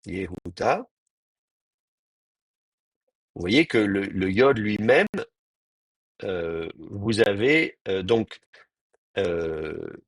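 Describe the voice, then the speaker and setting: Husky, hesitant male teacher. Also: lowish voice, no echo. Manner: hesitant, thinking aloud with many pauses and restarts. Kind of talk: live online class lecture.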